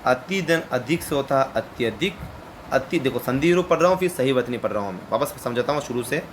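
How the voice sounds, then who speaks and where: Male teacher, mid-pitch, drills words by slow repetition, faint hum behind. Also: expressive. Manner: slow repetitive drilling, each word said twice. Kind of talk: exam-prep spelling lesson.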